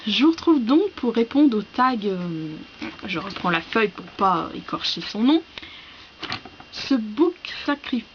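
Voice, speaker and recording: A woman's voice: mid-range voice, animated, measured pace. A woman talking casually in a book vlog, hesitant and full of fillers, reading parts from her notes. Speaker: book vlogger. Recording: slightly dull lo-fi sound with faint hiss.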